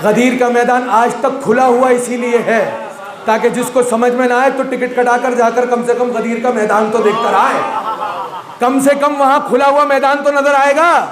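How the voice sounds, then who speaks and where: A man's voice: very high-pitched, steady tone, crowd noise. A man from Pakistan giving a Muharram majlis sermon, often putting rhetorical questions to his listeners. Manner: rhetorical, asks the audience questions. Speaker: Shia majlis speaker. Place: large imambargah hall. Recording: echoey hall recording, faint room ambience.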